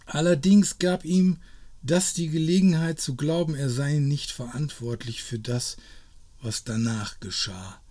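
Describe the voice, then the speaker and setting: A man's voice: a little high, a little slow, mellow. A man narrating stories aloud in a dry, wry reading style. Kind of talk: scripted story reading.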